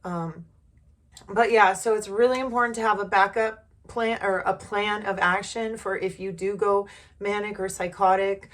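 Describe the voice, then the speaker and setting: A woman's voice: mid-range voice, fairly even intonation, moderate pace, a bit bright. A woman talking candidly to the camera in a casual personal vlog, rambling with many fillers and restarts. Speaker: vlogger.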